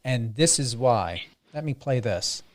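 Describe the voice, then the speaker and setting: A man's voice: mid-range voice, expressive, unhurried, background noise. A man hosting an interview, talking with enthusiasm and lavish praise for his guest. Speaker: host.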